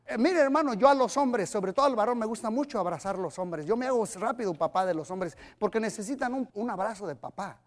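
A man's voice: high voice, animated, fast talker, few pauses. An older man preaching as a pastor, emphatic and repetitive, leading the congregation in call-and-response. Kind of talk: energetic Pentecostal-style sermon.

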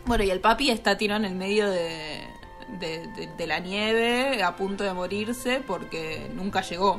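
A woman's voice: medium pitch, moderate pace, faint music behind. A woman, co-hosting a podcast and emotionally retelling film scenes in casual chat. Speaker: podcast co-host.

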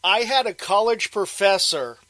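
A friendly man in his fifties from the Pittsburgh area hosts a relaxed interview, chatting freely and laughing easily. His voice sits notably high for a man. The sound is dry and close. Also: normal speed, no room sound, low-quality recording. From Pittsburgh area, USA. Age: 50s. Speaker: interviewer host. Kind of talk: casual phone interview.

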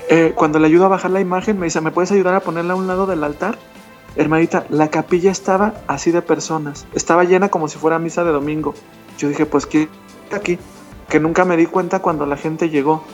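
A man's voice: on the high side, fairly even intonation, quick pace. A man earnestly telling a personal testimony as an interview guest, calling the listener "hermanita". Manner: earnest storyteller who addresses the listener as "hermanita". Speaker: guest telling his conversion story. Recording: dull lo-fi sound with faint music behind.

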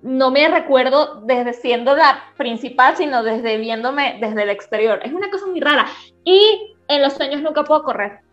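A young woman in casual chat, animated and insistent as she asks and argues over questions. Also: high-pitched, moderate pace, muffled recording, soft background music.

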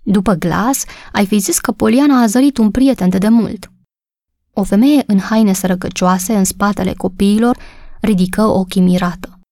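Woman calmly narrating a storybook. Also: medium pitch, dry recording, studio quality. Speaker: audiobook narrator.

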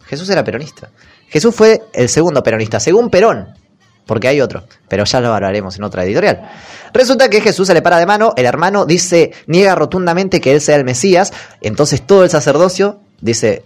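A young man with an Argentine Spanish accent, hosting a podcast and retelling a story in a jokey, slangy way, breaking into put-on character voices. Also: on the high side. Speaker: podcast host. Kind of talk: comic casual retelling.

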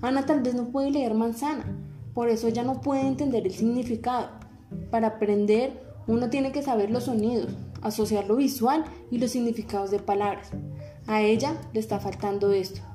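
A woman playing a caring teacher in a dubbed film, explaining slowly and earnestly over background music. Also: a little high, fairly even intonation, mellow, natural voice. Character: patient caring female teacher, adult.

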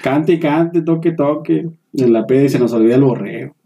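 A young man with a Mexican accent telling a story in relaxed, slangy casual chat. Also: a little high, fairly quick, vocal fry. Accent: Mexican Spanish. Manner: slangy, laid-back storyteller. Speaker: podcast guest.

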